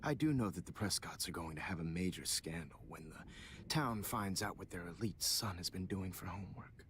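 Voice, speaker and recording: Sinister middle-aged male teacher, very low voice, slow menacing villain monologue, breathy endings, video game drama, faint noise behind. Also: fairly bright tone. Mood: taunting. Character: cold, self-obsessed male photography teacher turned killer, middle-aged.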